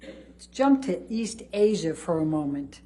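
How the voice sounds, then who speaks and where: Low-voiced woman lawyer in a courtroom recording. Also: sing-song, a little slow, mellow, husky, low-quality recording. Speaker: lawyer questioning a witness. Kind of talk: formal courtroom examination. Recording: courtroom recording with faint hum and noise.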